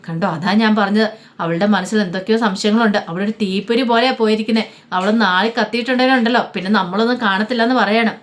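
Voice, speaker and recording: A woman's voice: mid-range voice, fast talker, close to an everyday voice. A woman reading out the lines of a shrewd older man scolding a younger one.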